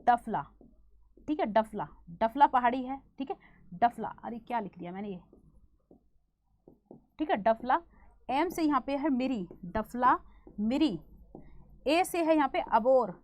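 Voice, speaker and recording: Brief: woman exam-prep teacher, Hindi accent, sore throat, rapid quizzing delivery, high voice. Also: animated, a little mellow. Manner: fast-talking, quizzing students with repeated questions and fillers. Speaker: current affairs teacher.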